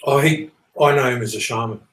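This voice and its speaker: A man with a mid-pitched voice talks as an interview guest in a roomy, echoing space. He explains things earnestly and loosely, circling back over his points and checking that the listener follows. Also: fairly quick, fairly bright tone. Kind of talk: rambling explanatory conversation. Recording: echoey, roomy sound.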